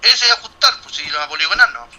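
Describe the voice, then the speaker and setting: Bright-voiced man teaching a class. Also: high-pitched, expressive, fast talker, poor audio. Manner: thinking aloud, with many restarts and rhetorical questions. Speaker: university lecturer. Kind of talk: classroom explanation.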